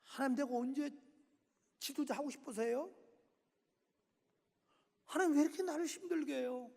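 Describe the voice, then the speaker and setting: A man's voice: extremely high pitch, normal speed, gravelly, darkish tone. A man acting out Moses as a desperate leader pleading and complaining to God. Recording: echoey church hall.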